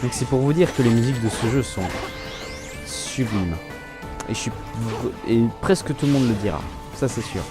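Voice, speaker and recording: A young man hosting a let's play, talking casually about his gameplay in a relaxed, chatty way and often restarting his sentences. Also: medium pitch, normal speed, music in the background.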